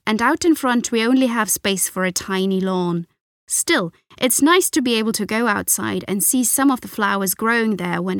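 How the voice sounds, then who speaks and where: A woman reading a scripted first-person description of her home for a listening lesson, gentle and even. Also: medium pitch, no echo, clean studio sound. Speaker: speaker in a listening exercise.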